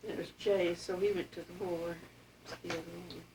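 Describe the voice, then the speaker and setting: In a noisy home recording taken from a distant microphone, an elderly woman with an Appalachian accent is interviewed about her family history. Her voice sits on the low side with little pitch variation, and she reminisces casually at a moderate pace in plainspoken, folksy terms.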